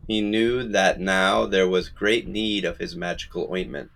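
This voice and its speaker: A man narrating a folktale audiobook in a measured storytelling manner. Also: low voice, vocal fry, fairly bright tone. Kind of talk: scripted narration.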